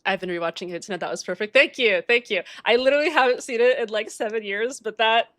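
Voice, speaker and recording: A woman's voice: fairly high pitch, quick pace, fairly bright tone, dry recording. A young woman streaming a game, chatting casually and giggly, reading chat and recapping the story on a close microphone. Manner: chatty, giggly, puts on silly voices for recaps. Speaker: live streamer. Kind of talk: casual let's-play commentary.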